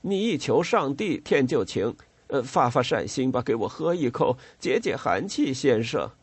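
A man reading an audiobook voices a hoarse, cringing river guide who sobs, stammers and begs for a drink. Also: mid-range voice, sing-song, normal speed, no room sound, voice pushed up. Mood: begging. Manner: sobbing, pleading and stammering.

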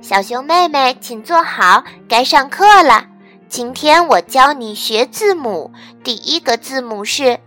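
A woman's voice: sits high, animated, unhurried, pushed and bright, faint music behind, full character voice. Woman doing a bossy, bragging girl playmate. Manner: commanding, schoolteacher tone. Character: bossy young girl playmate who likes to brag.

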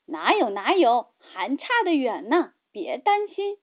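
A woman's voice: on the high side, big pitch swings, unhurried. A woman voicing a proud, boastful flying fish leader in a children's storybook. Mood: hearty. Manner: boastful, hearty. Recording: tinny phone-like sound.

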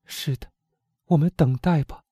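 A man's voice: on the high side, a little slow, warm tone, husky, dry recording, studio quality. A man voicing a young woman in despair who pleads with her beloved, in an anguished, imploring audiobook reading. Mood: hushed.

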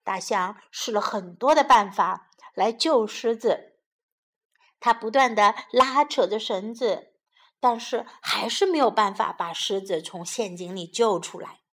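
A woman teacher narrating a children's story in a slow, gentle storytelling manner. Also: medium pitch.

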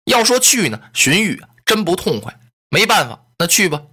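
A man performing a traditional Chinese oral story in a lively, dramatic way, giving each character a voice. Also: high voice, normal speed, husky.

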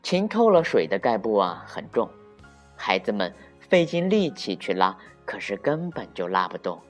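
A storyteller reading a children's picture book aloud in a slow, expressive way. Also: deep voice, soft background music.

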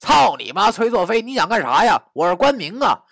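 Man voicing a swearing young guy, shouting coarse lines, lively swings in pitch, storybook reading. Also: brisk, creaky, no room sound, studio quality, exaggerated voice. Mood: angry shouting. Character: rough-mouthed young man, possessed, cursing.

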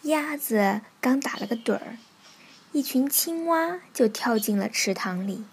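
Softly whispering woman storyteller. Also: on the high side, expressive, a little slow, a little hiss or hum. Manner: soft, whispery narration. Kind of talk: bedtime story reading.

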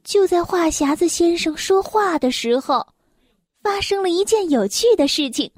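A woman reading a children's story aloud in a gentle, expressive storytelling voice. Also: very high voice, moderate pace, no echo, studio quality.

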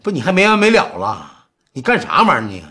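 一名男演员饰演一位急躁的中年老板，操东北口音，说话直来直去，带着不耐烦的责备。. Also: male voice, fairly high pitch, wildly swooping pitch, quick pace, sharp tone, full character voice. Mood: exasperated. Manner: blunt, exasperated scolding. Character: impatient middle-aged male boss, brusque but worried. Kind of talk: TV series acting.

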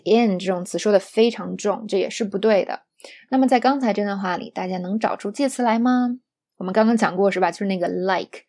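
A woman teaching an online pronunciation lesson, explaining patiently, often asking "right?", and slowing down to demonstrate English examples. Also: mid-range voice, a little mellow. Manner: explanatory, rhetorical tag questions; switches to slow English demonstrations.

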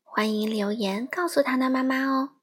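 Breathy, high-voiced woman reading to kids. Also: normal speed. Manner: lively, coaxing storytelling to young listeners. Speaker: children's storyteller. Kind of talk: reading a picture book aloud to children.

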